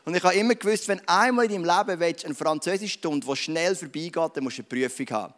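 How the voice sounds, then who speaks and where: Man, preacher, sermon, storytelling, direct address, slightly high voice. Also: fast, a bit bright.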